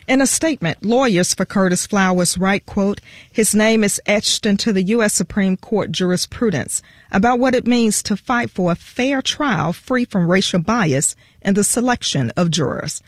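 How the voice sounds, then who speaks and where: A woman's voice: medium pitch, moderate pace, no room sound. Woman reporting radio news, dry sound.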